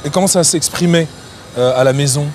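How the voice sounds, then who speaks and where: A man's voice: a little high, a little fast, slight background noise. Informal male interviewer outdoors. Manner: informal, short prompting replies. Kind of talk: casual interview questions.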